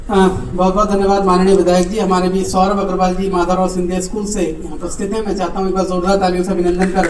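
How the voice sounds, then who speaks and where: A man's voice: sits high, little pitch movement, quick pace, darkish tone. A man as master of ceremonies, announcing guests in a formal, courteous way. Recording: echoey hall from far off, faint noise.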